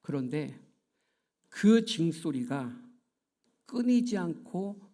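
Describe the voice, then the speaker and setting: A man's voice: fairly high pitch, sing-song, takes it slowly, dark tone. A man preaching a sermon as a pastor in a church. He tells a story earnestly and acts out what the people in it say. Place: church sanctuary.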